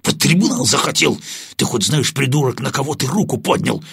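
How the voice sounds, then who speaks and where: A man voicing an authoritative security lieutenant who gives sharp orders. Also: medium pitch, expressive, fairly quick, gravelly, slightly rough, no echo, studio quality, pitched above the performer's own voice, full character voice. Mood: stern. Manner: commanding, then politely apologetic. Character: stern male security lieutenant, tense and authoritative.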